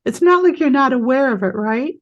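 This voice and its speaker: A woman energy healer guiding a client in a healing session, talking in a soothing, reassuring way with halting restarts. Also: sits high, animated, muffled recording.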